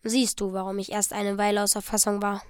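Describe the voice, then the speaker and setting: A woman reading the part of a young husband, speaking slowly, haltingly and earnestly. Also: mid-range voice, little pitch movement, a little mellow, smooth, no room sound, clean studio sound, close to an everyday voice. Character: young husband, stunned and slow-spoken.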